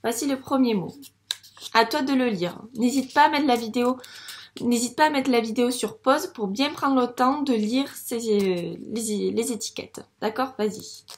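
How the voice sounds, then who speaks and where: A woman teaching a reading lesson to young children in a patient, encouraging way, sounding out words slowly at the board. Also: a little high, reverberant, a little hiss or hum. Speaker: primary school teacher. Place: classroom with a board.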